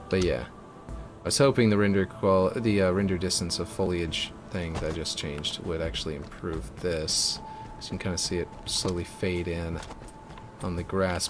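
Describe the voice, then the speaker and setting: Music plays behind a man with a fairly deep voice who chats casually on a live stream as he builds a game map, rambling along with plenty of fillers and restarts.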